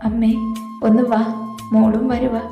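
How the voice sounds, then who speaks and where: A woman's voice: a little high, flat delivery, a little slow, vocal fry, narrow, tinny audio. A woman voicing a small girl who pleads tearfully after losing her mother. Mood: pleading tearful. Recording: roomy echo with soft music.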